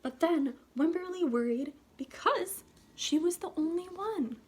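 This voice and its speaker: A kindergarten teacher reads a children's storybook aloud with lots of expression, using short phrases for young listeners and stopping to ask them questions. Her voice is extremely high-pitched and expressive, with a little hiss or hum in the recording.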